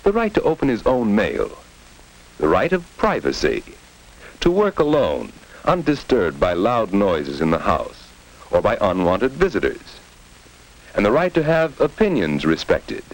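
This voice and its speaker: A man narrates in the style of a 1950s educational film, speaking straight to the viewer. His voice sits fairly low and moves with animated intonation. The delivery is scripted and instructive, on an old film soundtrack. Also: unhurried, low-quality recording. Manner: instructive, addresses the viewer directly. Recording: vintage mid-century film soundtrack.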